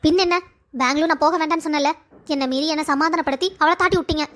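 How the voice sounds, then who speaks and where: A woman's voice: high voice, steady tone, fast talker, a bit bright. A woman voicing a grumbling overworked mother. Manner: complaining, grumbling. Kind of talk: cartoon drama voice acting.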